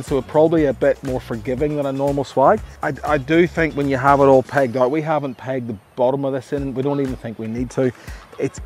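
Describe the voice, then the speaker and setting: Middle-aged Australian man, chatty and upbeat gear reviewer, mid-pitched voice, lapel mic outdoors, faint music underneath. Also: a little mellow. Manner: enthusiastic, chatty, restarts often. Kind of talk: casual outdoor product review. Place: outdoor campsite among trees.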